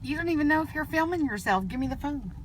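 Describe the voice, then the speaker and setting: A middle-aged woman speaking casually, brisk and firm but amused, as a mother in a car. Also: high voice, animated, a little hiss or hum. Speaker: mother driving. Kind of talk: casual chat. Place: inside a car.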